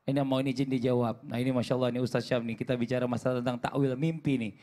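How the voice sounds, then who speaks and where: A man hosting a religious TV show, chatty and lively, reading out viewer questions. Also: medium pitch, very fast. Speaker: TV show host. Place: TV studio.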